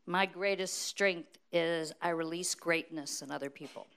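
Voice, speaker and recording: A middle-aged American woman preaching at a conference in short, deliberate phrases, pausing for an interpreter. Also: on the low side, a bit bright, clean tone. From United States. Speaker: guest preacher.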